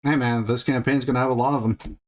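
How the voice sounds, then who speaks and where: A man's voice: medium pitch, fairly even intonation, fast talker. A man running a tabletop role-playing session as game master, patiently explaining the rules and thinking aloud as he goes.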